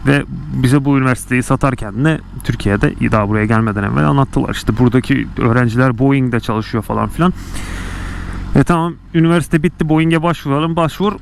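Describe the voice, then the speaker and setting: A man's voice: mid-range voice, brisk, creaky. A young man talks casually and bluntly inside a helmet while riding, rambling in colloquial, mildly profane speech. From Turkey. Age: young adult. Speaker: motovlogger. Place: outdoors on a motorcycle, inside a helmet. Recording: loud engine, wind and road noise.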